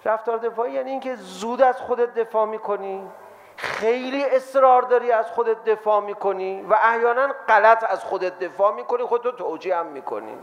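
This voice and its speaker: A man giving a lively sermon to an audience, acting out the voices of people he quotes. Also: high-pitched. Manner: animated, acts out quoted voices. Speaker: religious lecturer.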